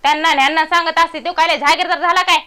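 A bossy old mother-in-law, played by a woman, who nags without pause and fires off repeated orders. Her voice sits very high and rings bright and sharp, in the manner of a village family drama. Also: steady tone. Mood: scolding. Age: older. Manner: nagging, barks repeated orders.

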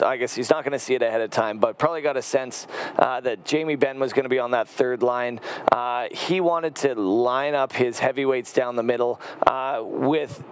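A man, a former player giving hockey analysis at a studio desk in a halting way, full of fillers and restarts. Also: medium pitch, a little hiss or hum. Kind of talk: casual sports analysis.

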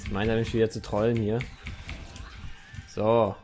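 A man's voice: lowish voice, level tone, normal speed, mellow, a little hiss or hum. A young man commenting on his own gameplay in a chatty let's-play style, talking to the game and his viewers and swearing now and then. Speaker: gaming YouTuber.

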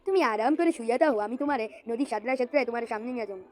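Woman with a high voice, dubbing a comic cartoon alone. She plays every role, loud and full of exclamations. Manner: loud exclaiming, rapid shifts between character voices. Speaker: channel voice performer. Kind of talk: comic cartoon dub, voicing every character.

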